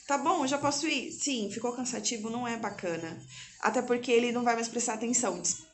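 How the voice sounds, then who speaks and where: A woman's voice: on the high side, fairly bright tone, a little hiss or hum. A woman from Brazil giving casual parenting tips to her phone camera at home, chatty, asking and answering her own questions. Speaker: parenting vlogger. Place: home, indoors.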